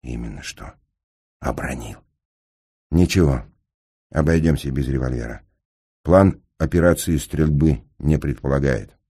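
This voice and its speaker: Male narrator as ironic gentleman engineer, middle-aged, deep husky voice, measured. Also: exaggerated voice. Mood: unbothered. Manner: measured, dry, with slight stammers. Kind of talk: audiobook character reading.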